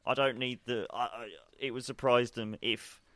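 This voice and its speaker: A man with a bright, crisp voice recorded dry and close. He plays a fussy space-station manager in a tabletop game, rambling and breaking into laughter mid-sentence. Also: medium pitch, steady tone, moderate pace, no echo. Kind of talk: in-character role-play as a station manager.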